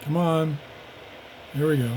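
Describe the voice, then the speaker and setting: This is a man who reviews radios, working through an unscripted hands-on demonstration at his home office and muttering as he goes. His voice runs a little high, steady and a little slow with a darkish tone, on a rough recording with clear radio static and tuning noise behind it.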